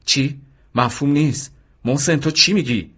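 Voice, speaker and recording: A man's voice: medium pitch, sharp tone, husky, pitched above the performer's own voice. A man voicing an anxious, commanding male senior officer who speaks over the radio, insistent and raised. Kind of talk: radio drama reading.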